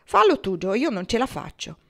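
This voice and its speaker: A woman's voice: fairly high pitch, very animated, moderate pace, creaky, pitched above the performer's own voice. A woman voicing a huge, timid former cattle thief, pleading and reluctant.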